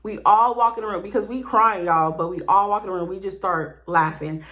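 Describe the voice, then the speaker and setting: A woman's voice: mid-range voice, brisk, a bit bright. Slangy woman telling a storytime. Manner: slangy, profane, acts out dialogue. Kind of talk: casual storytime.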